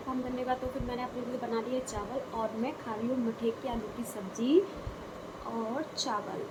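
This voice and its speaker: A woman's voice: fairly high pitch, fairly even intonation, moderate pace, background noise. A young woman narrating her family's day at home in a rural house, chatty and repeating herself for emphasis. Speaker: family vlogger. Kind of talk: casual vlog narration. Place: rural home with cattle yard and kitchen.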